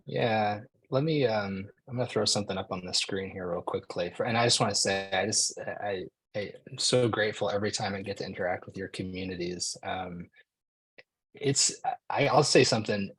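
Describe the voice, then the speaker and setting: A man speaking as a guest on a video call, telling a personal story with animation and acting out the shouted quotes. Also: lowish voice, moderate pace, husky, rough recording.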